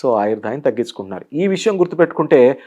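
A man's voice: medium pitch, rapid-fire. A man with a Telugu accent, a motivational speaker answering an interviewer and acting out the stories he tells. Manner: animated storyteller who plays out the scenes he describes. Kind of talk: guest in an interview.

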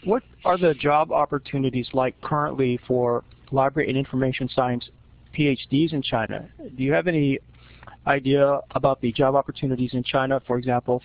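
A man conducting an interview, asking questions in a measured way with pauses. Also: medium pitch, fairly even intonation. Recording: dull lo-fi recording.

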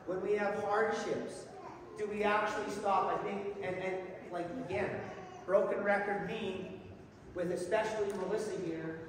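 A man's voice: high voice, level tone, normal speed. A middle-aged man giving a folksy, self-deprecating sermon, repeating words as he goes, from a church hall. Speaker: lay preacher. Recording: echoey hall, voice from far off, noisy.

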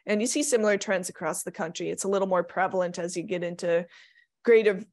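A woman's voice: lowish voice, fast talker, a little mellow. Woman lecturing over slides. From Minnesota. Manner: practical, plainspoken, light asides. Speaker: extension economist lecturer. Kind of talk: recorded slide presentation.

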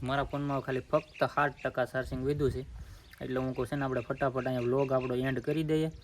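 A man's voice: mid-range voice, level tone, fast talker, a little hiss or hum. A man, vlogging earnestly to his phone outdoors on a farm. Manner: earnest, talks in a homely village way. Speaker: farmer vlogger. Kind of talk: casual vlog talk to camera. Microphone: phone held by the speaker.

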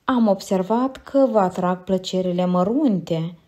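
A woman's voice: on the low side, darkish tone, natural voice. A woman reading an audiobook, voicing a retired older man who rambles in a wheedling, self-satisfied way and chuckles to himself. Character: retired older man, fussy, giggling, sly. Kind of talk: audiobook character voice.

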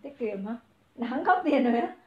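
A high-pitched woman runs a livestream clothing sale, rattling off prices and calling to her viewers. Her voice rings in a roomy space, and the sound is a little dull and muffled. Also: animated, moderate pace. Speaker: online clothing seller.

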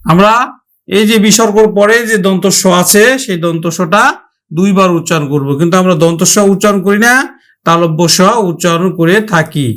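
A male teacher from Bangladesh giving a spoken lesson, slow and deliberate, repeating and drawing out example words. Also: sits high, steady tone, a bit bright.

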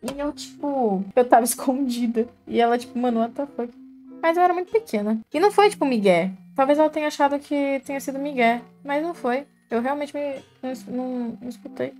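Young woman rambling casually to her viewers during makeup, slightly high voice, soft music underneath. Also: lively intonation, a little fast, hardly any pauses. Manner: chatty, slangy, self-mocking asides to viewers. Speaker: cosplay vlogger. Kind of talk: casual storytelling while doing makeup.

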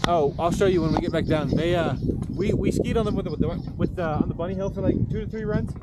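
A man's voice: sits high, fairly even intonation, fast talker, very noisy. A man chatting casually outdoors on a ski slope, joking in laid-back surfer slang. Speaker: friend skiing along. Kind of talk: casual chat.

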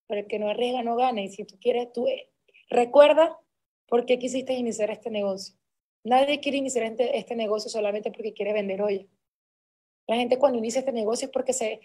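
Woman, high voice, conference motivational speaker, emphatic and driving. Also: darkish tone. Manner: emphatic and repetitive, building intensity. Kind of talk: motivational talk to a sales team.

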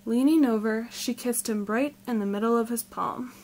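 Woman gently reading a children's storybook. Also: a little high, moderate pace, poor audio. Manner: gentle, expressive. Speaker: storybook reader. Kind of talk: children's storybook read-aloud.

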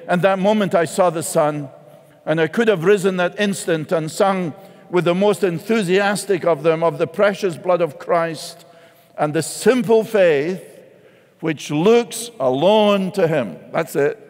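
Brief: male pastor, fairly high voice, impassioned sermon delivery, long hall reverb. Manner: impassioned, repeats key phrases. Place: large church sanctuary.

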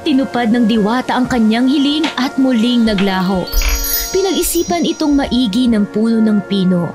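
A woman's voice: a little high, a little mellow. A woman narrating a scripted children's fairy tale as a storyteller.

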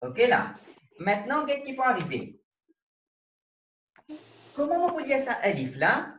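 A man leads an online lesson, walking through each step and checking that everyone follows. His pitch rises and falls a great deal, and he sounds distant in an echoey room with faint hiss behind him. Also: huge pitch swings, unhurried, fairly bright tone. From Mauritius. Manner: explains step by step, keeps checking students follow. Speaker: Arabic teacher. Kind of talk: online class lecture. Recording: roomy, distant with faint noise.

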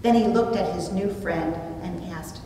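A middle-aged woman preacher stands at a pulpit in a small indoor church, reading a sermon with stories from her notes in a measured, expressive way with deliberate phrasing. A distant mic catches her in a very echoey room with rumbling noise.

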